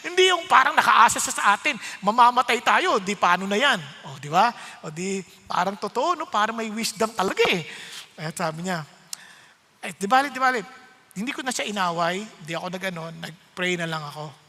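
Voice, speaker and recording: A middle-aged man preaching with a high, bright voice that rings through a large hall with long reverb. He tells personal stories with lively energy, acting out each exchange and laughing often. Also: brisk. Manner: animated, acts out dialogue, laughs often. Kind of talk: sermon with personal storytelling.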